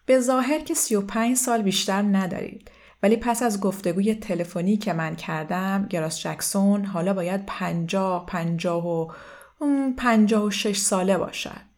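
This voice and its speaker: A woman reading aloud and voicing a calm middle-aged male doctor who speaks in a measured, gently insistent way. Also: mid-range voice, lightly acted. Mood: probing.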